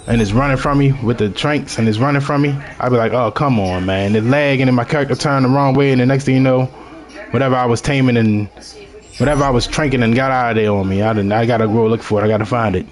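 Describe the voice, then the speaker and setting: A man's voice: medium pitch, steady tone, quick pace. A man from Baltimore with a strong local accent, chatting casually to viewers as he narrates his own video game session in a rambling way. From Baltimore, Maryland. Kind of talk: casual gameplay commentary.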